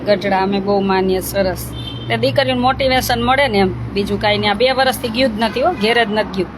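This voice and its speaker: A woman's voice: mid-range voice, brisk. Chatty woman outdoors, traffic noise. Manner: motherly, chatty, teasing questions. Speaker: ashram caretaker. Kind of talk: casual chat with girls and viewers. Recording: noisy outdoor recording with traffic.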